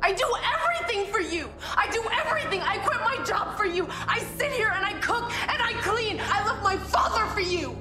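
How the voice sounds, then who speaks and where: A woman's voice: very high-pitched, expressive, brisk, few pauses, roomy sound, over music. An actress playing a betrayed young wife confronting her husband in a film drama. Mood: angry. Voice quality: accusing, emotional.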